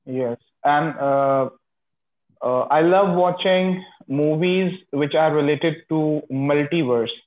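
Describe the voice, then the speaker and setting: On a tinny video call, with the phone held close, a young Pakistani man who teaches English practices casual conversation. His voice is a little high and slow. He hesitates a lot, answering briefly with plenty of uh's.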